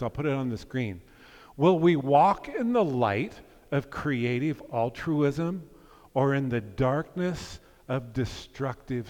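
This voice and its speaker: A man's voice: medium pitch, darkish tone. Man, pastor, sermon, earnest, conversational, joking asides, church sanctuary, reverberant hall.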